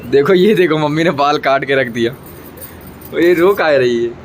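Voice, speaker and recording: A man's voice: a little high, moderate pace, background noise. A young man talking casually to his phone camera at home, teasing and chatty, often calling out to his viewers. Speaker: family vlogger. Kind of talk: casual vlog chat to the camera. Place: indoors at home.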